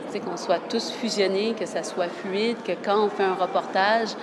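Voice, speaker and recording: Steady in tone and moderate in pace, a medium-pitched woman speaks over a noisy background. She's a Québécois journalist from Quebec in her thirties, talking earnestly in a casual interview and often restarting phrases.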